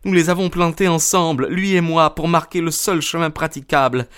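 A man voicing a distraught young wife in an audiobook, pushing his voice high and strained as she pleads and grows bitter. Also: steady tone, moderate pace, fairly bright tone, smooth, lightly acted. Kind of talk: audiobook character reading.

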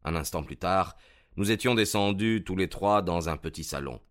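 A man narrating a story aloud in a steady, even reading style. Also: low-pitched, moderate pace. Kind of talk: scripted narration.

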